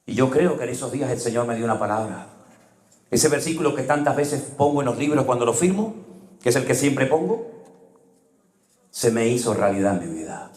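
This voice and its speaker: A middle-aged male pastor delivers a sermon, telling stories with feeling and voice that jumps high for emphasis. His voice sits at a middling pitch and rings out in an echoey room. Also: expressive, fairly quick, long pauses, a little mellow. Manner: emotional storytelling with sudden rises in pitch.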